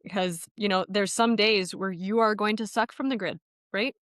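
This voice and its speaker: A woman hosts a podcast interview in a relaxed, conversational way. Her voice sits in a middle range and she sounds warm and affirming. The recording is dry and close. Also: medium pitch, normal speed, dry recording. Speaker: podcast host. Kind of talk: casual interview chat.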